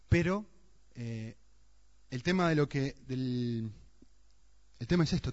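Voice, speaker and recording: A man's voice: a little high, darkish tone. A man preaching a sermon earnestly, often asking the congregation rhetorical questions. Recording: dull, muffled sound.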